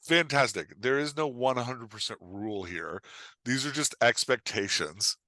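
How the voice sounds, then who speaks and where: Speaking at a normal speed in a mid-range voice, a man appears as a podcast guest and coach in conversational craft talk that is casual and blunt. He's animated and emphatic, often playing out what imagined readers might say, and sprinkles in "like" and "right?". The recording is dry.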